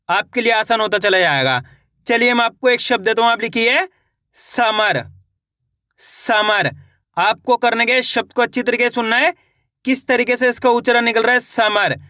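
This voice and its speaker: A man teaching children's Hindi reading, sounding out each syllable slowly and then answering his own questions. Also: high voice, pushed and bright, no echo, clean studio sound. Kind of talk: slow spelling lesson.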